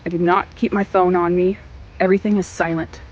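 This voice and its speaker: A woman from Missouri telling a personal faith testimony in an emphatic, conversational way with dramatic pauses. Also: on the low side, flat delivery, muffled recording. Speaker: storyteller sharing a faith testimony.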